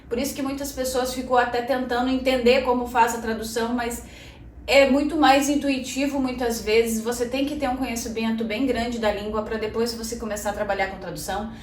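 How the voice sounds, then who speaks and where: The channel host is a Brazilian woman in her thirties with a slightly high voice, picked up from a distance. In casual Portuguese she talks right to her audience, using "gente" and plenty of "né". The room echoes, she's somewhat off-mic, and there's faint noise.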